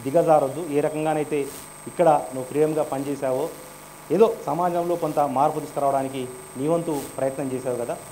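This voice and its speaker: A man's voice: fairly high pitch, fairly even intonation, brisk, dark tone, a little hiss or hum, rough recording. A man giving an earnest, grateful farewell speech at a work event, stumbling slightly now and then. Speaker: departing employee.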